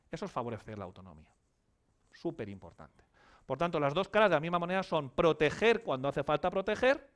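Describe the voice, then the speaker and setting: Man, higher-pitched voice, conference lecture, emphatic, rhetorical questions. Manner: emphatic, asks and answers his own questions. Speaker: psychologist giving a conference talk. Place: conference hall.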